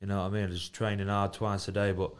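Lowish-voiced man chatting. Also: little pitch movement, quick pace, clean tone. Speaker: fighter being interviewed. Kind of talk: casual podcast chat.

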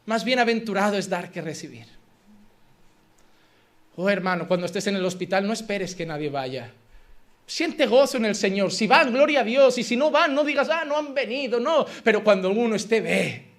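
A man's voice: high-pitched, lively intonation, normal speed, a bit bright. A man pastor with a Spanish accent from Spain, preaching an impassioned, emphatic sermon full of repeated phrases.

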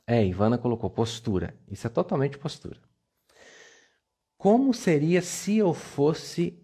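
On a live stream, a male self-esteem coach delivers a playful, coaxing motivational talk, repeating words for emphasis. He speaks at a medium pitch with a warm tone.

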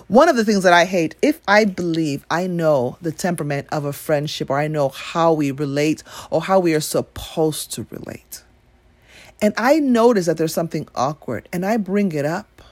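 A woman's voice: lowish voice, a little mellow, dry recording. A woman from Nigeria giving a blunt, emphatic opinion monologue with free swearing.

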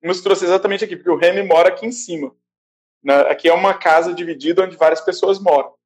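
A Brazilian man casually recounting a stressful arrival on a trip, animated and acting out the people he met, laughing now and then. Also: high voice, fast. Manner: animated, acts out quoted voices, laughs often. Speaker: traveler recounting his trip. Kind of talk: casual storytelling. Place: a small shared house, indoors.

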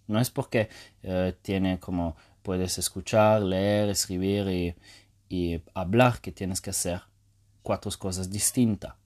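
A man hosts a casual solo podcast in a low, darkish voice. He sounds hesitant, with many fillers and restarts.

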